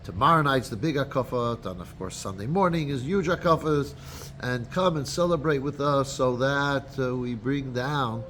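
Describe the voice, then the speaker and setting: A man's voice: mid-range voice, fairly bright tone, slight background noise. A man speaking as a rabbi, giving an unscripted holiday talk to his congregation with frequent restarts and fillers. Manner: unscripted, halting, with many restarts.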